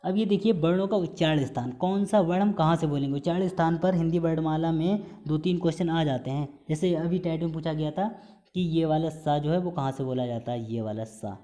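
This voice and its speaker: In a recorded exam-prep lesson, a Hindi teacher with a mellow, warm voice patiently explains each point, stretching out sounds to demonstrate pronunciation and mixing in English terms. His voice is on the high side and his pace brisk.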